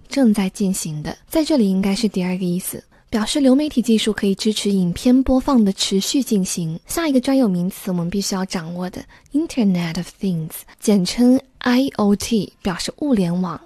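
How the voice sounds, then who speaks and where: A woman's voice: mid-range voice, mellow, no echo, studio quality. A woman teaching English terms in a lesson voice-over, explaining words and phrases step by step and mixing in English. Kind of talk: scripted lesson narration.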